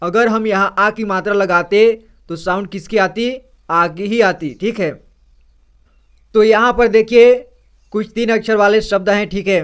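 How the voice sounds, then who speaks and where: Male reading teacher, high and clear, unhurried, repeats each word and checks in with an okay. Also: fairly bright tone. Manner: reads each word twice, asks "क्या पढ़ेंगे?" and answers; ends many lines with "ठीक है". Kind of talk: slow reading lesson for beginners.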